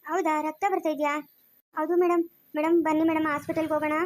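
A man's voice: very high voice, flat delivery, fast. A performer in a family drama playing a loyal police constable who reports to his officer and worries for her. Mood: worried. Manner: dutiful, anxious. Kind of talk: amateur family drama acting.

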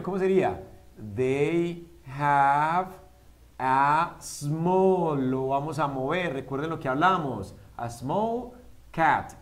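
A man teaching a language class, patiently spelling out examples slowly and quizzing his students. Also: fairly high pitch. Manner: often checks in with a quick "¿sí?". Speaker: English teacher. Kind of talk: online classroom lesson.

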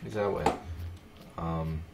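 A young man swearing often while giving casual gameplay commentary, with sudden loud outbursts. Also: deep voice, fairly even intonation, takes it slowly, creaky, background noise. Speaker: let's play gamer. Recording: echoey room.

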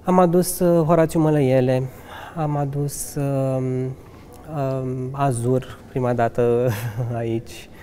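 Seated in a restaurant lounge by a fireplace, a man in his thirties from Romania, who manages the restaurant, talks through a conversational interview. He is earnest and eager, laughing now and then and restarting sentences in a medium-pitched, steady, warm voice. The interviewer holds a handheld mic, and slight background noise is audible.

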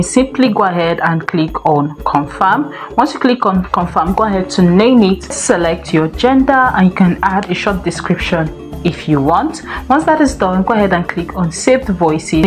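A woman with a somewhat low voice guides viewers through a screen-recorded software tutorial one step at a time. Her delivery is steady and instructional, with faint music underneath. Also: moderate pace. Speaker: tech tutorial host.

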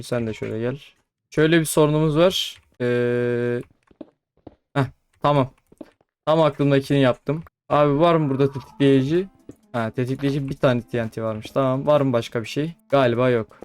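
A young man giving casual commentary over his own gameplay, chatting to the creatures on screen and breaking into excited exclamations. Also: medium pitch. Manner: chatty, talks to mobs, frequent excited exclamations. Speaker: gaming YouTuber. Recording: faint background music.

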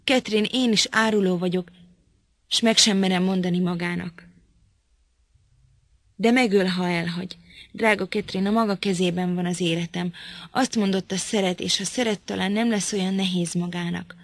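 A woman's voice: medium pitch, steady tone, dry recording, studio quality, natural voice. A woman reading an audiobook, voicing a sickly, fearful young man who pleads and whimpers. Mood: sobbing, fearful.

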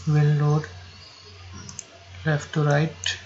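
A man giving slow, step-by-step software instructions over a screen recording, now and then correcting himself. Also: fairly high pitch, completely flat delivery, dull audio, slight background noise.

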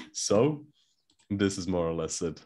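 A young man from Croatia with a very low voice opens an online technical workshop. He comes across as easygoing and a bit self-deprecating, with quick "uh"s between phrases. The sound is a webcam mic on a video call. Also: expressive, mellow, a little hiss or hum. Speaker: developer relations engineer presenting a workshop. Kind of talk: live online technical presentation.

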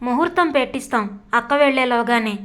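A woman reading the part of a gentle, middle-aged mother who mildly chides her children in a storybook. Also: fairly high pitch, lively intonation, brisk. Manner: soothing, mildly chiding.

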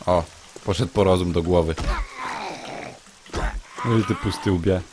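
A man's voice: low-pitched, fairly even intonation, measured pace, noisy background. A man giving casual gameplay commentary, grumbling and sarcastically muttering to himself. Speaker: let's play gamer.

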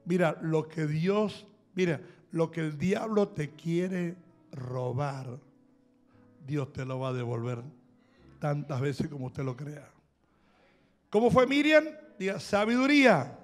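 Male Rioplatense preacher, high-pitched, emphatic sermon delivery with faint music behind. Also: expressive, slow pace. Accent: Rioplatense Spanish. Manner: emphatic, exhorting, with audience call-and-response. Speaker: apostle and pastor.

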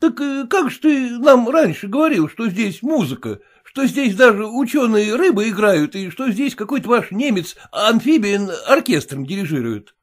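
A man reading an audiobook, voicing a hot-tempered middle-aged husband who scolds loudly and blusters at a servant. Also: high voice, very animated, moderate pace, few pauses, husky, voice pushed up, exaggerated voice. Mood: angry.

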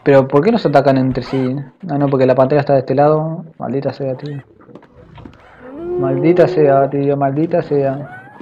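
A young adult man doing excitable let's play commentary, talking to viewers with frequent exclamations. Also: mid-range voice, normal speed. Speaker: gaming youtuber. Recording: slightly dull home mic with faint noise.

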